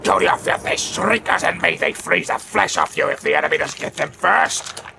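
A man voicing a sullen male orc tracker who mutters complaints and snarls back in a gravelly voice. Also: lowish voice, measured pace, background noise. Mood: snarling. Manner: muttering and grumbling, flaring into snarls.

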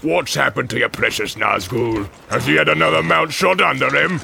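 A man's voice: mid-range voice, normal speed, vocal fry, sharp tone, a little hiss or hum, heavily acted. A man voicing a brutal, bossy male orc captain who barks and mocks. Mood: mocking. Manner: barking, mocking, commanding.

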